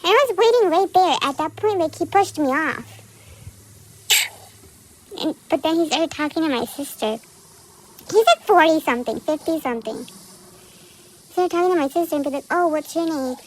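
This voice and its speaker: High-voiced blunt teen girl storyteller. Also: expressive, normal speed, long pauses, low-quality recording. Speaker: podcast co-host. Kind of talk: casual chat.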